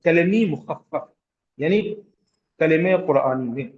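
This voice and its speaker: Slow, patient man teaching tajweed. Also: fairly high pitch, muffled recording, a little hiss or hum. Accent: Hyderabadi Urdu. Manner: patient, repeats terms and asks the class questions; draws out vowels to demonstrate elongation. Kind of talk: slow classroom lecture.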